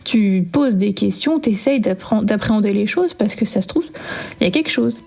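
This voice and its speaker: A woman's voice: medium pitch, expressive, moderate pace, vocal fry, darkish tone, faint music behind. A young woman telling her own paranormal experience as a spoken testimony, acting out the dialogue with many fillers.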